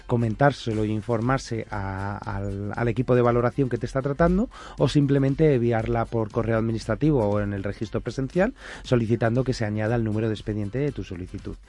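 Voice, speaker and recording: A man calmly explaining a procedure on the radio. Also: mid-range voice. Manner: measured, advisory.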